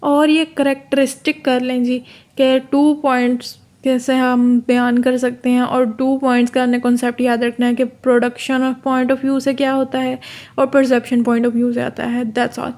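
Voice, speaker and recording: Pakistani woman tutor, flat and high. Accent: Pakistani Urdu. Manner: casual, explains step by step, reads English terms slowly. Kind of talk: exam-prep lecture.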